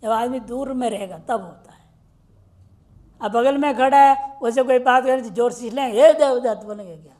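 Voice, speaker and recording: A woman with a somewhat high voice gives a grammar lecture. She poses questions to her class and slows right down to chant the Sanskrit rules word by word. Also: a little mellow.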